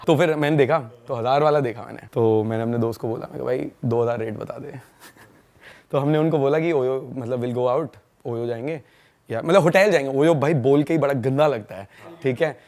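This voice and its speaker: A young man from India, a podcast guest, telling stories in a fast, slangy, casual way and laughing along. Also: medium pitch, a little mellow. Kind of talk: casual storytelling chat.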